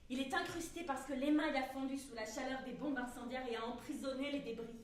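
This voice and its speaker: A woman's voice: high voice, fairly quick, natural voice. An actress playing an insistent woman who presses her point, on stage. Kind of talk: stage acting. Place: theater stage. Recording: distant stage recording in an echoey theater.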